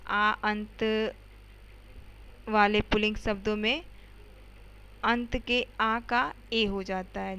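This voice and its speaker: A woman's voice: mid-range voice, pushed and bright, clear, resonant tone, poor audio. A woman teacher explaining grammar to schoolchildren step by step, often checking in with "okay" and asking the students questions. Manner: addresses students directly with questions.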